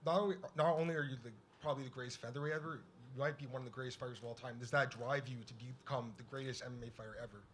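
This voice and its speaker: A man's voice: medium pitch, steady tone, racing, few pauses. A man working as a reporter, posing a long interview question from some way off. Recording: quiet, distant, faint room noise.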